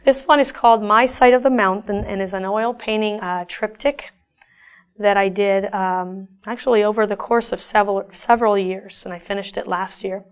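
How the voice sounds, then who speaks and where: Talking about paintings she made herself, this middle-aged artist from Argentina is contemplative and hesitant, frequently restarting. She has a mid-range voice and a steady tone.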